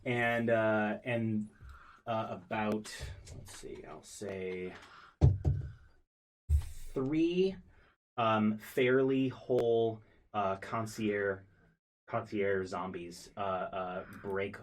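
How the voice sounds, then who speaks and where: A man narrating as game master of a tabletop game, halting with many fillers and restarts. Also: fairly low pitch, a little hiss or hum, low-quality recording.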